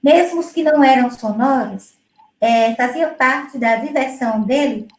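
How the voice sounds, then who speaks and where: A middle-aged woman, a music educator, talking through her work in a relaxed, explanatory way with many fillers and restarts. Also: sits high, measured pace, roomy sound, a little hiss or hum, low-quality recording. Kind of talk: conversational presentation.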